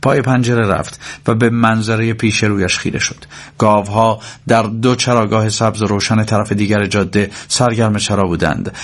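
Measured male audiobook narrator with a husky, gravelly grain. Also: fairly low pitch.

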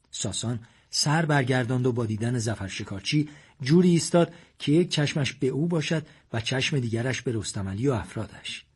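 A man narrating a story audiobook in a steady storytelling voice. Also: medium pitch, slightly rough.

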